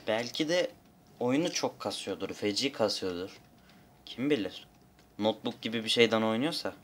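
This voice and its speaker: A man's voice: on the low side, animated, normal speed, slight background noise. A young man giving rambling, casual gameplay commentary and swearing now and then, at a desk mic. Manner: rambling, swears, shouts in bursts. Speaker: gamer.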